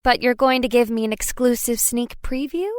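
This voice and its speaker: Woman doing playful teen princess, eager, teasing, smooth clear voice, audiobook. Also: a little high, no echo, clean studio sound, natural voice. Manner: bright, teasing, quick to joke. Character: eager, playful eighteen-year-old adopted princess.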